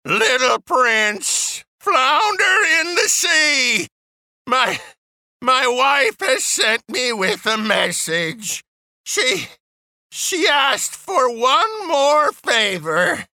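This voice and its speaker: Storybook old fisherman, meek and stammering, slow drawl, bright lively tone, woman acting it. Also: high voice, no echo, clean studio sound, full character voice. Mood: pleading. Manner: stammering, hesitant. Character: meek, timid old male fisherman, poor and kind. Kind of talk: children's audio storybook acting.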